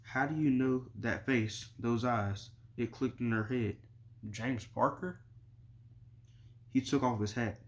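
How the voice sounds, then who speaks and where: A man reading a novel chapter aloud in a plain, steady way, barely changing his voice between characters. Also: medium pitch, slow pace. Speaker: audiobook reader.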